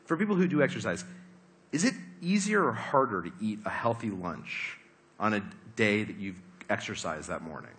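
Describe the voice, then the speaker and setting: Animated man giving a talk. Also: fairly low pitch, normal speed. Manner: animated, asks the audience questions. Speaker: speaker giving a talk on habits. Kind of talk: lively presentation to a live audience.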